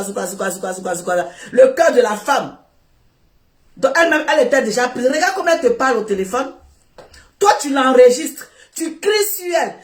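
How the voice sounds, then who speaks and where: A high-pitched woman delivers a heated rant straight at a man, scolding, repeating herself and bursting into shouts. Her voice rings around an echoey room. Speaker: online commentator.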